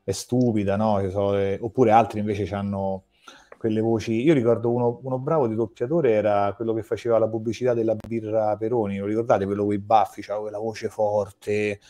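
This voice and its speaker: A man with a lowish, dark voice interviews a guest in a casual chat, talking at length like a fan. His delivery is flat and fairly quick, full of rambling sentences and frequent restarts.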